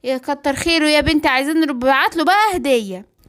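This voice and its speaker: Cartoon giraffe mom, protective and scolding, a woman voicing, Egyptian accent, fast. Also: sits high, fairly bright tone.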